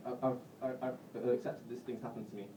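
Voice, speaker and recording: A man in his twenties from Bolton with a Northern English accent, doing a live stand-up set in a self-deprecating, halting way with frequent swearing. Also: medium pitch, little pitch movement, noisy background. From Bolton, England. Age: 20s. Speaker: stand-up comedian. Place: comedy club stage. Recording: roomy, distant, muffled live recording.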